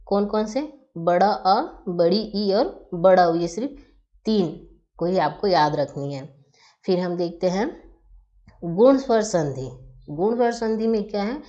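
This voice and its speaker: A woman teaching a grammar lesson, who explains each step slowly, asking questions and then answering them herself. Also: medium pitch, dark tone. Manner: patient, asks and answers her own questions. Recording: dull lo-fi recording.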